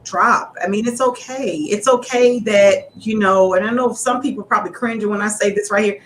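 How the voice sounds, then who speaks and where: A middle-aged woman hosting a casual chat among women, talking in an animated, preachy storytelling way. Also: mid-range voice, normal speed, slight background noise, poor audio. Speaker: host.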